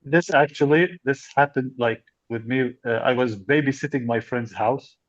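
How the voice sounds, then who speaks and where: A young man co-hosting a comedy podcast, talking in halting, rambling bits and laughing often. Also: mid-range voice, no echo. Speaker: podcast co-host. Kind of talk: casual comedy podcast chat. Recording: dry, dull lo-fi sound.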